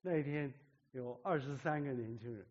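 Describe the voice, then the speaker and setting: An older man, a pastor who grew up among overseas Chinese in Korea, telling his testimony in a lively storytelling manner with self-mocking humor. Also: medium pitch, normal speed. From Korea, overseas Chinese community. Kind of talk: testimony sermon. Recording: dull lo-fi recording.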